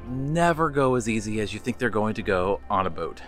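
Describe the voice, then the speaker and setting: A man's voice: on the low side, animated, fairly quick, faint music behind. A man in his thirties vlogging aboard a catamaran, chatting to viewers while he works on a project. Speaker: boat owner vlogger. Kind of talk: casual vlog talk. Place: aboard a catamaran, partly in a small cabin.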